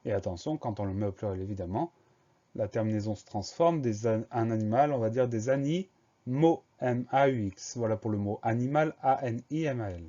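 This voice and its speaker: A man teaching a spelling lesson for young schoolchildren, going slowly and spelling each word letter by letter. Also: medium pitch, dark tone, highs cut off. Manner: slow, spells words letter by letter.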